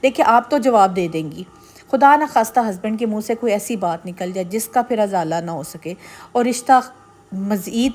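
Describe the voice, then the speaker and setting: Middle-aged woman vlogger, earnest and persuasive, talks straight to viewers, voice a touch high. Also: darkish tone. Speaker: vlogger giving marriage advice. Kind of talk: casual advice talk to camera.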